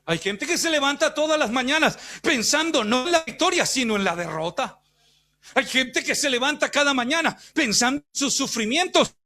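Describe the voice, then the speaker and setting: High-pitched fervent male preacher. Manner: fervent, swings between shouting and hushed storytelling. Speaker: pastor. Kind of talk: preaching a sermon.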